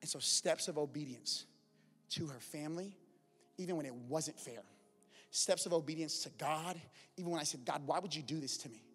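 A man preaching and telling his own story, swinging from loud praise to soft, quiet storytelling. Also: on the high side, normal speed, slightly rough, big-room sound, soft background music. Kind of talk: sermon testimony.

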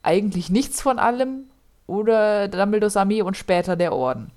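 A woman's voice: mid-range voice, normal speed, a little mellow. A young woman hosting a casual chat, reading quiz questions and results aloud with a giggly, playful manner. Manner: giggly, reads story text with playful emphasis. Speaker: host running online quizzes.

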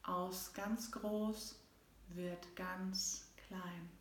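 Slow, echoey author reading her rhymes. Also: fairly low pitch, steady tone. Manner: rhythmic rhyming recital, shifting between soft and loud. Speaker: author and host. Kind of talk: reading aloud from her own book. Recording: echoey room.

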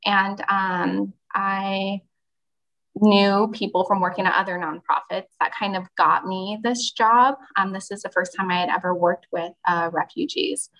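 Woman, podcast guest, gravelly fry in the voice, steady explaining tone. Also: medium pitch, a little slow, rough recording. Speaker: refugee mentoring program worker. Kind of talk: podcast guest, casual talk.

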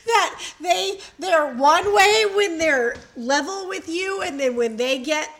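A woman's voice: very high voice, expressive, slow pace, a bit bright, low-quality recording. A married woman co-hosting a podcast, chatting playfully with teasing quips. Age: adult, married. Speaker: podcast co-host. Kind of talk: casual chat, joking banter.

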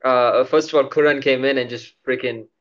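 A man's voice: medium pitch, fairly even intonation, normal speed. A young man chatting casually on a podcast, rambling with lots of fillers and frequent swearing. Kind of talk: casual chat. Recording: dull lo-fi audio.

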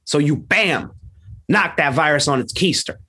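A man playing an ignorant, blustering small-town male football coach in a comedy sketch, gruff with sudden high-pitched outbursts. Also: lively intonation, moderate pace, bright, forceful tone, heavily acted.

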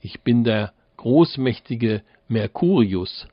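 A man's voice: medium pitch, lively intonation, slow, no room sound, lo-fi sound. A man voicing a boastful, menacing male spirit from a bottle in a fairy tale reading. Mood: threatening. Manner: threatening, then pleading.

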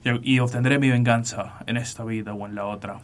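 A man voicing a stern, vengeful gladiator commander, reciting slowly and solemnly. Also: mid-range voice, steady tone, close to an everyday voice. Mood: solemn vow.

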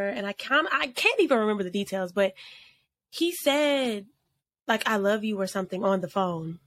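A woman's voice: mid-range voice, fairly bright tone. A woman co-hosting a casual podcast, telling a story in a rambling way with many restarts and laughs. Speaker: podcast co-host. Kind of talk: casual chat.

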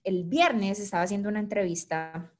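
A woman's voice: mid-range voice, normal speed, a little mellow, soft background music. A woman with a Latin American Spanish accent co-hosting a podcast, talking in an earnest, reflective, chatty way. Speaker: podcast co-host. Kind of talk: casual chat.

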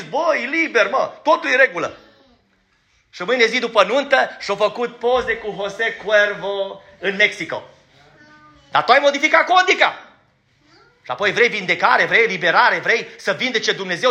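Bright-voiced emphatic male preacher. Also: fairly high pitch. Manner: emphatic, questions the congregation directly; stumbles when rushing. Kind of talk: sermon. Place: church.

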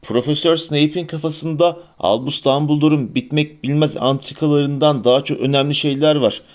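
A man's voice: fairly high pitch, fairly even intonation, moderate pace, darkish tone, close to an everyday voice. A man voicing a haughty, disdainful old male portrait headmaster in an audiobook reading.

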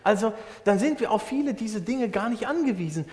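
A male pastor gives a relaxed, conversational sermon and keeps it close to daily life. His voice sits a little high and moves a lot in pitch. The sound carries a long hall reverb. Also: brisk. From Germany. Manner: conversational preaching with everyday examples. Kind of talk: sermon on a Bible verse.

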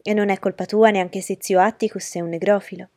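A woman's voice: mid-range voice, steady tone, a little fast, a little mellow, no room sound, clean studio sound, lightly acted. A woman voicing a spiteful boy cousin who taunts and whines, in a storybook reading. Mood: taunting. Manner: jeering, whining.

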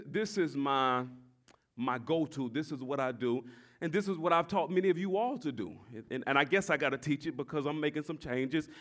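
A pastor in his forties preaching a sermon, swinging from shouted exhortation to quiet, confiding talk, and repeating his phrases. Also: mid-range voice. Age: 40s. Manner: repeats phrases and tells the congregation to address their neighbor.

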